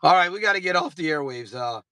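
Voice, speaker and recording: A man in his fifties, a recovery coach, gives an earnest motivational livestream talk, blunt and informal, swearing casually and repeating phrases for emphasis. His voice is a little high, expressive and fast, with a bright, forceful tone. The sound is clean studio audio with no echo.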